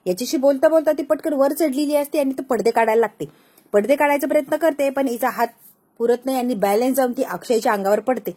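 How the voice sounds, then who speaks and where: High-voiced woman recapping a serial. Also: quick pace, mellow. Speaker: storyteller. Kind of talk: retelling a TV serial episode.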